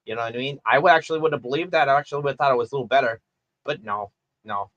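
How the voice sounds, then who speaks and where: A man's voice: medium pitch, racing, no echo, dull audio. A man talking in a casual, rambling rant, full of fillers and restarts, as he reviews a film.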